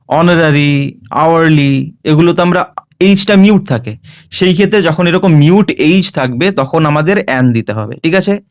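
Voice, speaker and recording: Guy with a bengali accent teaching english grammar, voice a bit high, reads rules out slow then explains them. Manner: often checks in with "thik ache?". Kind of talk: recorded exam-prep grammar lesson.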